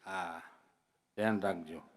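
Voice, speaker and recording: A man's voice: low voice, steady tone, takes it slowly. A man, telling folksy jokes and stories to devotees at a religious gathering. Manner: folksy joke-telling, addresses listeners as devotees. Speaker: comic speaker at a religious gathering. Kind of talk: humorous folk storytelling.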